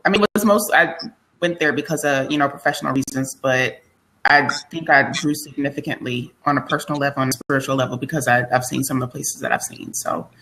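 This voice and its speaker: A woman as interview guest, telling travel stories in an animated, hesitant way with fillers. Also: deep voice, a little hiss or hum, low-quality recording. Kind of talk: casual interview chat.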